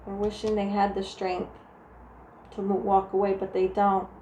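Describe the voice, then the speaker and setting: A woman with a New Jersey accent doing a casual tarot reading, talking softly and meandering through restarts. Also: medium pitch, completely flat delivery, moderate pace. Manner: soft, meandering, full of restarts and "like". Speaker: tarot reader. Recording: echoey room with faint ambient noise.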